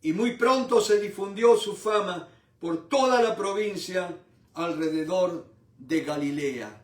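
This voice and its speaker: A man's voice: sits high, slow pace, echoey room, recorded from a distance. A man preaching a Bible study sermon with fervor, calling his listeners brothers. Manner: fervent, addresses listeners as brothers.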